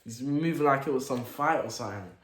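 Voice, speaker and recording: A young man, telling a story to camera in a casual, animated way, full of slang and acted-out reactions. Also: medium pitch, fairly quick. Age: late teens. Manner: animated, slang-heavy, acts out his own reactions. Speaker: vlogger. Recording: echoey room with faint noise.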